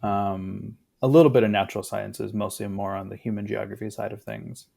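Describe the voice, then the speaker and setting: A man in his thirties, a guest in a casual conversation, talking in a reflective, unhurried way with fillers. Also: lowish voice, steady tone, creaky, a little mellow.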